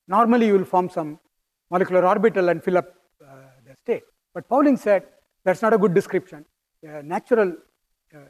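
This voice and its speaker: A middle-aged man with a strong Indian accent gives an academic physics lecture in a high, slightly mellow voice. He speaks haltingly and thoughtfully, with fillers and restarts as he works through his ideas. The recording quality is low.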